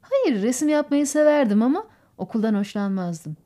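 A woman voicing a calm adult man, a father on a fishing boat, in an audiobook reading with a plain, gentle manner. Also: fairly high pitch, normal speed. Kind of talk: audiobook character voice.

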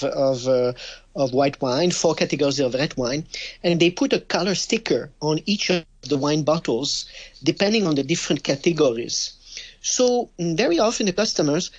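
A man from Quebec with a French-Canadian accent, a wine business guest talking on a radio show over the phone, with many hesitations and restarts. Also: a little high. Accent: Québécois French.

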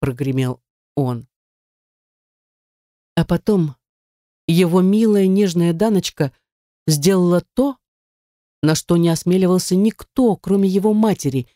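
Expressive audiobook narrator, mid pitch, dry close recording. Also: a little slow, pauses often, dry recording. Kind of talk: scripted narration of a romance novel.

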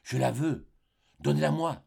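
Male reader doing a feverish, secretive young woman in an audiobook: urgent, hushed commands. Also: mid-range voice, sing-song, normal speed, creaky, breathy edge, full character voice.

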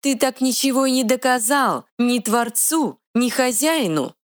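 A woman voicing a tiny, sharp-tongued female fairy guardian with quick retorts, in a dry close recording. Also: sits high, expressive, no echo, pitched above the performer's own voice. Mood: feisty.

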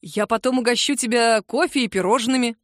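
Female narrator as a cheeky young man, high for a guy, playful and insistent. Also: a little fast, no room sound, studio quality, close to an everyday voice. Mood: cheerful. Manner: teasing, cheerfully pushy. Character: cheeky cheerful young man, teasing friend.

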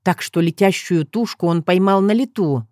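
A woman narrating an audiobook in a playful, expressive storytelling manner. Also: fairly low pitch, normal speed, dry recording, studio quality. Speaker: audiobook reader.

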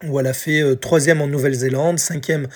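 Man in his forties from France, solo podcast host, chatty with lots of fillers, slightly husky voice. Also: a little high, steady tone, fast. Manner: chatty, many fillers and restarts, addresses listeners warmly. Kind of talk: casual solo podcast about an old pop song.

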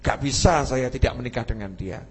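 A man voicing a lovestruck young male perfume seller, pleading and excitable. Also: mid-range voice, brisk, breathy edge, natural voice. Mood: earnest.

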